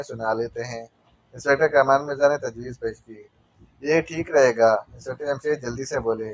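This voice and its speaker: A man's voice: mid-range voice, no echo. Man reading a spy novel aloud. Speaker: audiobook narrator.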